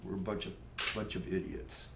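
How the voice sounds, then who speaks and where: A man's voice: low voice, little pitch movement, moderate pace, vocal fry, noisy background. Man spinning local yarns, rambling and self-mocking, roomy echo. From Tampa, Florida, USA. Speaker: local storyteller. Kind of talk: casual storytelling monologue.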